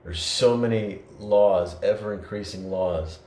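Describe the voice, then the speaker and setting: A man on the low side, a little slow and a little mellow, co-hosts a podcast. He speaks earnestly and reflectively in conversation, with many fillers and restarts. The recording has an echoey room and faint noise.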